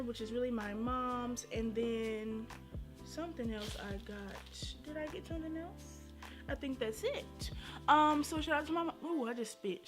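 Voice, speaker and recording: A young woman speaking with a slight lisp from wearing a retainer, chatting casually in a sassy, playful, slangy way as a beauty vlogger reviewing makeup. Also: fairly high pitch. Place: indoors at home. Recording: music playing behind the voice.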